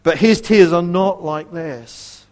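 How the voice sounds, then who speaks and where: A man delivers a sermon in a slightly higher than average voice. He speaks earnestly and puts direct questions to his listeners. His volume swings widely, sinking to a near whisper for quoted verses. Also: slow pace, darkish tone. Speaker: preacher.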